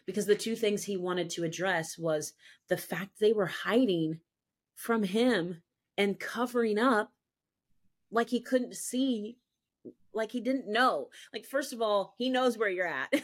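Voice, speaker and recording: A woman's voice: mid-range voice, a little slow. A woman speaking as a guest on a faith podcast, sharing her personal testimony in an earnest, emphatic way that circles back on itself as she speaks. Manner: earnest, emphatic, repeats "I'm telling you".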